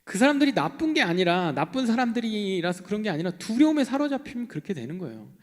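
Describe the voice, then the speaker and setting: A man's voice: sits high, fast. Preacher man in a reverberant hall. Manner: animated, acting out quoted voices, shifting between loud and hushed. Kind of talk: sermon. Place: church hall.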